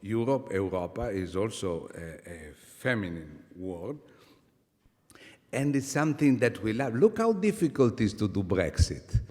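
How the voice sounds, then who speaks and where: A man in his seventies with an Italian accent, giving a conference talk with lively, humorous asides and halting restarts. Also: on the low side. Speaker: conference speaker. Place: large conference hall. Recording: long reverb from conference hall.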